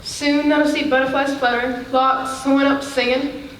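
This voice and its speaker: A woman playing a brisk Yorkshire housemaid. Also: sits high, little pitch movement, a little hiss or hum, close to an everyday voice. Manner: brisk, down-to-earth dialect. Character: cheerful young Yorkshire housemaid. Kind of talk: live stage acting. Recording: echoey theater, mic far off.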